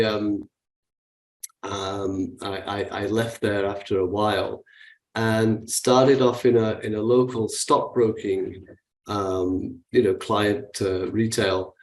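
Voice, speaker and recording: A man in his sixties with a Manchester English accent talks through his past in a conversational interview. His voice sits low, and he hesitates, with frequent ums and repeated words. The recording has a noticeably roomy echo. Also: darkish tone. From England. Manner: hesitant, many fillers and restarts. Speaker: guest investor.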